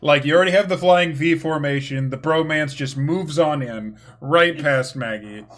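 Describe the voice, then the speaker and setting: A man running a tabletop game as game master, narrating in a relaxed, chatty way. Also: a little high, normal speed. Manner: relaxed, chatty, laughs easily.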